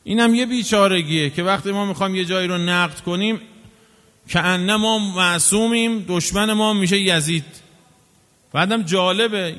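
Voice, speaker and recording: A man's voice: sits high, fairly bright tone. A man delivering an impassioned sermon, scolding and full of rhetorical questions. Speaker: preacher. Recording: long hall reverb.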